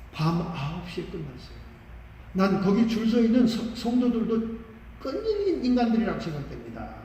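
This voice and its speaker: A male pastor with a high voice preaching in a large sanctuary. He tells stories with animated, emphatic delivery. The sound is picked up from a distance and rings with long reverb. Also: a little hiss or hum. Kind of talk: sermon. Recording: echoey church hall from far off.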